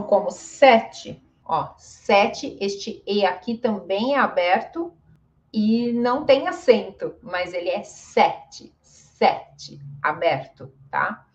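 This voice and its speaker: A woman teacher talks through a pronunciation lesson at an unhurried pace, drawing out each example word. She checks in with her listeners after almost every point. The audio is a little dull and lo-fi. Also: mid-range voice. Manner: patient, drawn-out examples, frequent "né?". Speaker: Portuguese teacher. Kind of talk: casual lesson to learners.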